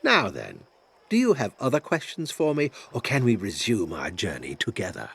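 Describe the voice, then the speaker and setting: A man's voice: lowish voice, huge pitch swings, normal speed, creaky, a bit bright, slightly rough, full character voice. An actor playing an ancient, mocking spirit in a fantasy game, pompous and sarcastic in his condescension. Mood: haughty condescension. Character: ancient mocking male spirit bound to a bloodline. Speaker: tutorial guide. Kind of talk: theatrical fantasy game voice acting.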